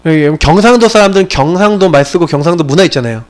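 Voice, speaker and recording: A male pastor preaching from a church pulpit, his fairly high voice climbing sharply for emphasis. He swings widely in pitch, jumping between forceful exclamations and quiet, confiding remarks. The delivery is animated and conversational. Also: fast. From Gyeongsang region of Korea. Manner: animated preaching with sudden loud peaks and quiet asides. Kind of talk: sermon. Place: church sanctuary.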